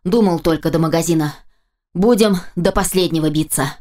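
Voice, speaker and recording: A woman voicing a reckless, cheerful male getaway driver who talks low and stubborn in an audiobook. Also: normal speed, mellow, lightly acted. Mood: gruff.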